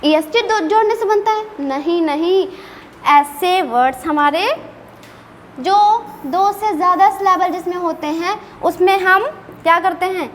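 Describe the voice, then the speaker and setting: A woman's voice: extremely high pitch, measured pace, fairly bright tone. A woman teaching an English grammar lesson, often asking her students rhetorical questions. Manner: playfully scolding. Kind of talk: classroom-style grammar lesson. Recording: long reverb with faint background noise.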